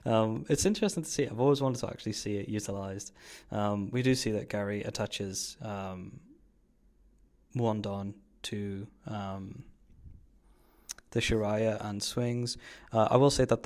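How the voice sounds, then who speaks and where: Explaining his card game moves in slangy, laid-back voice-over, a man plays and commentates his own match. His voice sits on the low side and sounds a little mellow.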